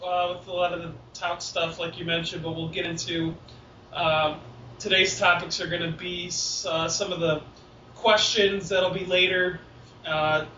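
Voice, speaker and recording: A man's voice: high voice, pushed and bright. A man hosting a podcast, agreeing with his guest and moving on to new topics. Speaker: podcast host. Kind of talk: casual interview. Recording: distant, roomy, dull with faint hiss.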